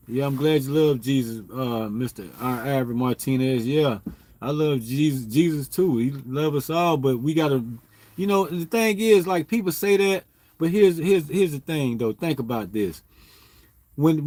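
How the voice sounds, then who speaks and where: A man's voice: on the high side, a little mellow, dry recording. A man, rambling through a casual livestream chat with lots of fillers. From Southern US. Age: 40s. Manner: rambling, heavy on fillers and "you know what I'm saying". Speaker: livestream host.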